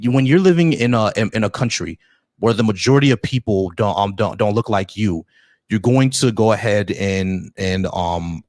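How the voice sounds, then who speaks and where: A man from a Haitian family background hosts a call-in debate show, pressing callers, repeating words, and often cutting in with "hold on, bro." His voice is on the low side with a darkish tone, in a dry recording.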